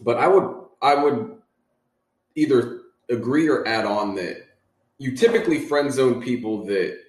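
A man appearing as a podcast guest, speaking in a measured, thoughtful way with frequent fillers. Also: medium pitch, lively intonation. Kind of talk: casual chat. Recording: roomy echo.

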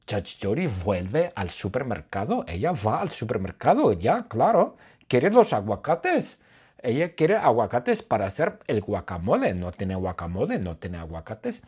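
A husky-voiced man narrates a silly story at an unhurried pace. His pitch leaps around as he plays it up, acting out shouts and sound effects for his listeners. The telling is playful and deliberate, shaped for language learners. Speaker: Spanish teacher telling a story.

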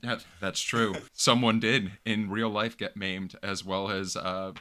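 A man's voice: lowish voice, little pitch movement, a little slow, bright, forceful tone. A man hosting a casual podcast, upbeat and joking as he leads the talk and hands off to his co-hosts. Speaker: podcast host.

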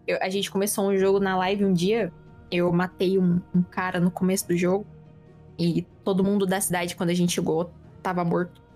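A woman with a Brazilian accent chatting casually in an animated, slangy way. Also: on the low side, brisk, faint music behind. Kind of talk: casual chat.

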